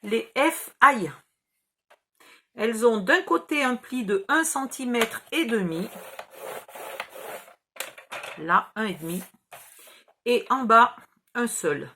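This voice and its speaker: A woman's voice: a little high, expressive, a little slow, sharp tone, a little hiss or hum. A woman with a southern French accent giving patient, chatty step-by-step craft instructions. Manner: chatty, patient, explains each gesture. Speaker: craft tutorial host.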